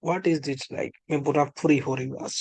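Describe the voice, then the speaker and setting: A man's voice: fairly high pitch, fairly even intonation, moderate pace, gravelly, a little mellow, husky, no room sound. A man preaching and prophesying over a video call, fervent and commanding, breaking into bursts of speaking in tongues as he leads prayer. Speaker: preacher leading an online prayer session. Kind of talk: charismatic sermon with prophecy and prayer.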